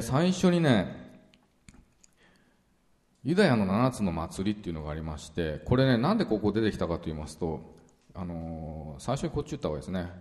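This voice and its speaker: A man preaching a relaxed, chatty Bible teaching sermon, full of fillers and asides. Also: deep voice. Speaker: pastor. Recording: long reverberant hall sound.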